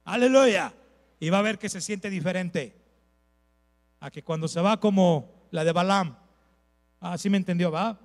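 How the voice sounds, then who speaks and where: A man, a pastor preaching a sermon with lively storytelling, repeated phrases and asides to the congregation. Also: sits high, measured pace, long pauses, long reverb tail.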